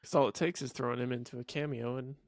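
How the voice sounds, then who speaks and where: A man's voice: medium pitch, steady tone, quick pace, no room sound, studio quality. A man in a casual podcast chat, tossing in wry, joking asides.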